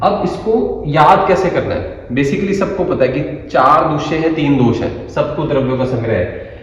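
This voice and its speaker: Hindi-speaking teacher in an echoey room. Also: male voice, a little high, normal speed, slight background noise. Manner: explains step by step, with lots of rhetorical questions and "theek hai". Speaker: Ayurveda teacher. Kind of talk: classroom lecture to students. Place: classroom with a blackboard. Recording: distant mic in an echoey room, dull sound.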